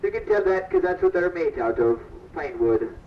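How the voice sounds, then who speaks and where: A man's voice: on the high side, huge pitch swings, moderate pace, vocal fry, a little hiss or hum. A man working as a ship captain, giving a comedic live tour spiel with pirate-style "aye" interjections over a PA microphone aboard a sailing ship attraction. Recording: distant roomy lo-fi PA recording.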